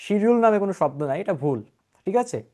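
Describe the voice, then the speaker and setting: A man's voice: on the high side, lively intonation, quick pace, dark tone. A man with a Bangladeshi accent teaching spoken English in an online class, mixing Bengali and English and checking understanding often. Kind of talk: online class with screen share.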